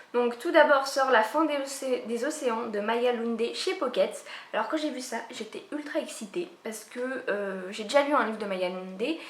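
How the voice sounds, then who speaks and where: Chatty high-voiced woman in an echoey room. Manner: chatty, rambling, many fillers and restarts. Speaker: book vlogger. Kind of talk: casual chat about upcoming book releases.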